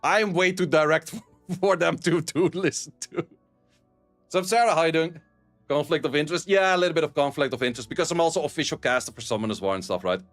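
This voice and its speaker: This is a man from the Netherlands, a streamer and esports caster, going through viewer messages in a relaxed live-stream chat. His Dutch accent comes with a blunt, sweary manner and frequent laughs, and his voice is on the high side with a fairly bright tone.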